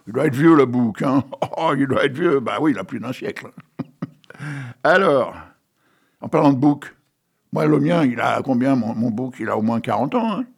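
A middle-aged man hosts a radio show from a studio, his voice deeply gravelly and husky. He rambles through jokey asides, then slows right down to read poems with deliberate care. His tone sits at an ordinary pitch for a man. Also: animated. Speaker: radio host. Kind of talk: casual chat and poetry reading.

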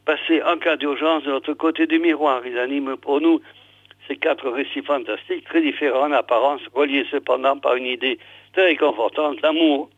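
A man's voice: mid-range voice, fairly even intonation, normal speed, no echo. Guy reading a novel on air, lots of um and restarts, tinny dry sound. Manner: hesitant, many fillers and restarts. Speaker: radio reader. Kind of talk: reading a book aloud with comments. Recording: dry, phone-like radio sound.

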